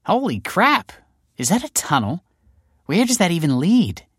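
A man's voice: on the high side, very animated, normal speed, fairly bright tone, no echo, clean studio sound, pitched above the performer's own voice. A male audiobook narrator voicing a breezy, mocking female police detective who needles people with sarcastic politeness. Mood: playful. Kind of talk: audiobook character voice.

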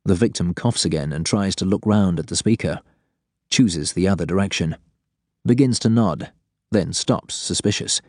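A man's voice: low-pitched, moderate pace, darkish tone, no echo, studio quality. A man reading scripted fiction as an audiobook narrator.

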